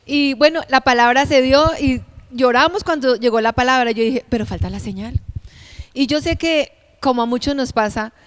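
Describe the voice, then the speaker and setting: Middle-aged woman pastor, heartfelt testimony, slightly high voice, dry close sound. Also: clean tone, dry recording. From Bogotá, Colombia. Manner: heartfelt, earnest and emotional. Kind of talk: personal testimony.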